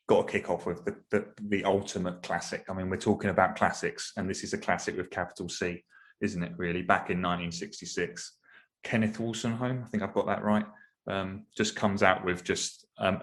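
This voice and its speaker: Low-voiced podcast co-host. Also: male voice. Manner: thoughtful, hedging, laughs easily. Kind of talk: casual podcast chat.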